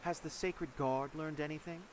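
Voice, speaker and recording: An actor playing a sly, composed cleric investigator in a video game, with a measured, wry, theatrical delivery. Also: male voice, a little high, steady tone, a little hiss or hum, natural voice. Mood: musing, grave. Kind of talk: scripted video game voice acting.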